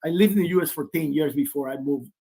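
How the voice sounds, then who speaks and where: The guest is the player's father, in his forties, who talks at length with many restarts during a casual remote interview. He talks fast in a gravelly, slightly rough voice that is dark in tone yet on the high side.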